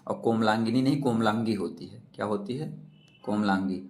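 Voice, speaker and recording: A man's voice: fairly low pitch, moderate pace, darkish tone. Man quizzing students on spelling. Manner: quizzing, repeats questions and answers. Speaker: teacher. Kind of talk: exam-prep lecture.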